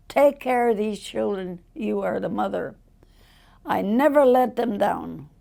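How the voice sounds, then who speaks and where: This is the very old voice of a woman past one hundred. It creaks heavily and moves slowly, wandering through personal stories in plain, colloquial speech as an interviewee would. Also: a little high, darkish tone. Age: over 100, very old. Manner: rambling storyteller, acting out quoted dialogue in plain colloquial words. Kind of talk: casual autobiographical storytelling.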